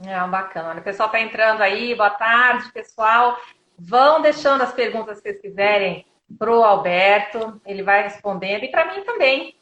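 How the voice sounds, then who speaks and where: A woman's voice: medium pitch, normal speed, roomy sound, dull audio. A woman from Brazil, a travel journalist, chatting casually as a guest on a live stream from her phone. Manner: chatty and lively, addresses followers.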